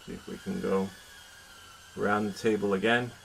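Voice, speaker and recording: With a fairly low, creaky voice and a level tone, this vlog host talks at a moderate pace over poor audio and constant background noise. Indoors at home, he gives rambling live commentary on a hobby how-to, muttering to himself and playfully poking fun at himself.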